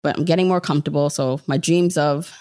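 Speaking fairly quickly in a low, mellow voice with fairly even intonation, this Jamaican-born, New York-raised personal finance podcaster in her 30s chats as an interview guest. The recording is dry and studio quality. Her storytelling is casual, sprinkled with quoted self-talk.

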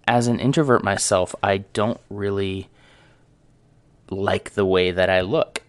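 A man's voice: sits low, fairly even intonation, measured pace, dry recording. A man hosting his own audio show, talking casually and reflectively to listeners about himself. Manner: reflective, conversational, self-aware. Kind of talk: casual solo talk. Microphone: close studio microphone.

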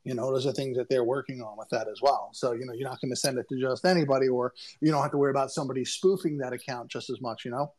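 A man's voice: medium pitch, fairly even intonation, fast talker, hardly any pauses, darkish tone. A man with a mid-range voice chatting casually as co-host of an online audio show. He keeps filling his sentences with "you know" as he explains things. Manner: leans heavily on "you know". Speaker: co-host of a crypto talk show. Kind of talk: casual chat.

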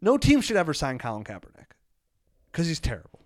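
A man on a podcast, chatting casually about football in a slightly high voice. His joking, rambling talk is recorded close and dry, with no room sound. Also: wildly swooping pitch, dry recording. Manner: joking, rambling, quick to roast players. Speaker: podcast co-host. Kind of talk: casual fantasy football chat.

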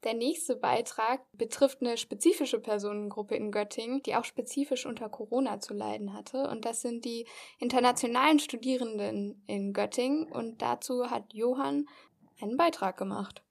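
A female student radio co-host chats in a relaxed way and introduces segments. Her voice sits a little high, and she pauses briefly as she thinks. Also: gravelly. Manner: relaxed, talks through thoughts with small pauses. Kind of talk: casual studio chat and moderation.

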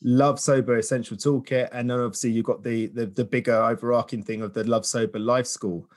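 A man's voice: mid-range voice, steady tone, fairly quick, a little mellow. A man from England hosting a podcast, chatting casually and introducing his guest. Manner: friendly, chatty, reads out guest details. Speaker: podcast host. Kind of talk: casual interview.

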